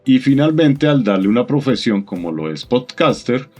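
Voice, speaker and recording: A man narrating a software tutorial in a calm, methodical, instructive voice-over. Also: mid-range voice, normal speed, muffled recording, soft background music.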